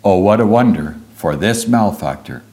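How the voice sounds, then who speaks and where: A man preaching a sermon, retelling a Bible story slowly and deliberately, with frequent hesitant pauses and heartfelt exclamations. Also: on the low side, expressive, warm tone.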